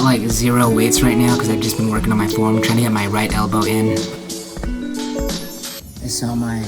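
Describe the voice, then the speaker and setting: A man vlogging in a casual, laid-back way, talking slangy and calling people dude and bro. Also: fairly low pitch. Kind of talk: casual vlog monologue. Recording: loud background music.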